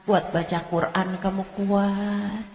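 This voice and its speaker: A woman preacher giving a sermon, repeating her words emphatically and swinging between hushed and shouted lines. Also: medium pitch, flat delivery, slow, slight background noise. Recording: echoey hall.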